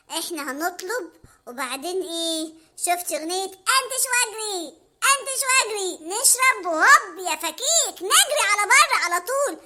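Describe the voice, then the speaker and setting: A woman voicing a broke, scheming, nervous young man, speaking with an Egyptian accent in an anxious, low mumble. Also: bright, forceful tone, exaggerated voice. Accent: Egyptian Arabic.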